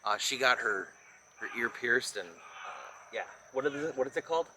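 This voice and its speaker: A man's voice: medium pitch, animated, moderate pace, sharp tone, slight background noise, rough recording. A man hosting a motorcycle vlog, chatting casually in an outdoor recording. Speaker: motovlog host. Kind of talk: casual chat.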